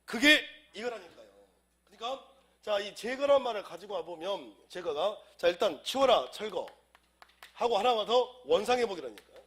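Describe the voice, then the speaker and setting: A man's voice: high voice, lively intonation, normal speed, fairly bright tone, breathy edge. A man lecturing on civil law for an exam class, who has a cold, drilling students in call-and-response and firing rhetorical questions.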